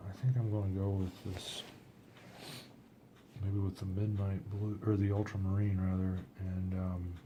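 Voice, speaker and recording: A man's voice: low voice, background noise. A man casually talking through his watercolor technique as he paints, thinking aloud and often trailing off. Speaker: watercolor artist.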